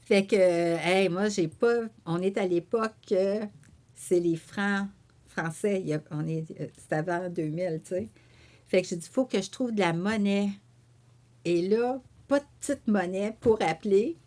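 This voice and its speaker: A woman with a Québécois accent, talking at an ordinary middle pitch. She tells her story in lively, casual interview talk and acts out the lines she once said, with a steady run of fillers. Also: measured pace. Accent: Québécois French. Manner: animated storyteller who voices her own quoted remarks, with frequent fillers. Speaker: painter and author, interview guest. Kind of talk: conversational storytelling.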